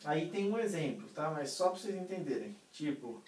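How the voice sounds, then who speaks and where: A man's voice: a little high, sing-song, normal speed, a little mellow, recorded from a distance. A man teaching music theory in a casual lesson, explaining step by step, checking in with his students and singing short examples. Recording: roomy, voice somewhat off-mic.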